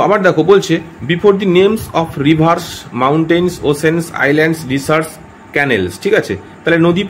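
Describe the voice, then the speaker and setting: A man's voice: fairly high pitch, a little hiss or hum. A man teaching a grammar lesson, often checking in with his listeners and repeating himself as he corrects his wording. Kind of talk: explanatory lesson.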